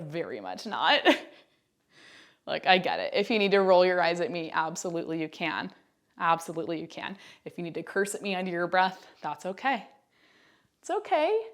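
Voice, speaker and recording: Young woman leading pilates at home, bit low voice, chatty and encouraging, a little out of breath. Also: fairly bright tone. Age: 20s. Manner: chatty and encouraging, counts down reps between asides. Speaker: Pilates instructor. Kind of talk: workout class instruction. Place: indoors at home. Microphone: wearing a mic.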